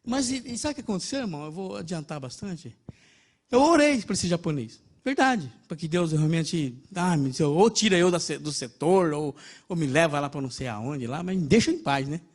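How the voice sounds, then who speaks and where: High-pitched brazilian guy preaching, chatty, keeps calling folks brother. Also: normal speed. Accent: Brazilian Portuguese. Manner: conversational, addresses listeners as brother, animated storytelling. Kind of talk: sermon. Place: church in Japan.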